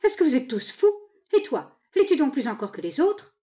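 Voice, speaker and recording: A woman's voice: mid-range voice, sing-song, brisk, darkish tone, close to an everyday voice. A woman reading aloud, voicing a shocked, indignant young American woman in an urgent, raised voice.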